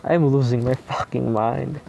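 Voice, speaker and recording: A man's voice: medium pitch, fairly even intonation, measured pace, creaky, warm tone. A man playing a visual novel, reading its text aloud and breaking off into casual, profane, self-mocking commentary.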